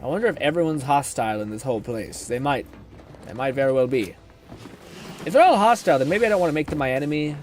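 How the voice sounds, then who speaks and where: A man's voice: medium pitch, lively intonation, quick pace, darkish tone. A man doing casual live game commentary as a streamer, thinking aloud in an informal, sweary way.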